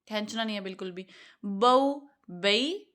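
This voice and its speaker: A woman's voice: mid-range voice, a bit bright. A woman teaching an online tajweed lesson, patiently repeating rules and drawing out single sounds for her learners. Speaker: Quran recitation teacher.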